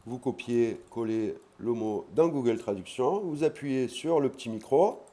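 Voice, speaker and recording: A man teaching an online language lesson, explaining patiently and repeating key words slowly. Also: mid-range voice, lively intonation, mellow.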